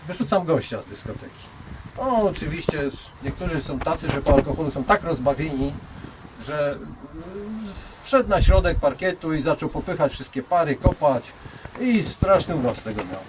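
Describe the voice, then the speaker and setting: A man's voice: fairly high pitch, expressive, moderate pace, noisy background. Blunt older man telling stories. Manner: blunt, anecdotal, addresses listeners directly. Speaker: martial arts master. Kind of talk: storytelling monologue.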